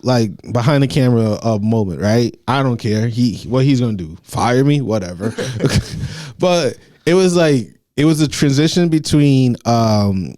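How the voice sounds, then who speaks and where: A man's voice: mid-range voice, expressive, measured pace, a little mellow. A man co-hosting a podcast in casual chat, blunt and joking, laughing often. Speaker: podcast co-host.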